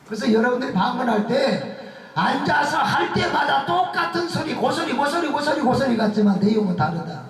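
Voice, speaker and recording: With a very high-pitched voice at a moderate pace, a male pastor tells funny, lively stories with laughter during a revival sermon. The recording, made in a church sanctuary, is echoey and picks him up from far away.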